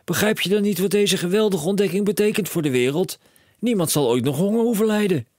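A man voicing an excitable middle-aged father who shouts his overexcited plans in a children's audiobook. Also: on the high side, normal speed, dry recording, studio quality, pitched above the performer's own voice. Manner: shouting, breathless overexcited rants. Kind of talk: audiobook character voice.

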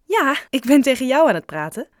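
A woman's voice: medium pitch, very animated, unhurried, dry recording, clean studio sound. A woman voicing a cheerful, curious teenage schoolgirl in a read-aloud story. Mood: friendly.

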